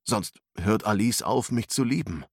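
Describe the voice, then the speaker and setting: A man's voice: fairly low pitch, expressive, unhurried, vocal fry, no room sound, studio quality, exaggerated voice. A man voicing an earnest, awkward young man, read as part of a storybook narration. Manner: earnest, unsure.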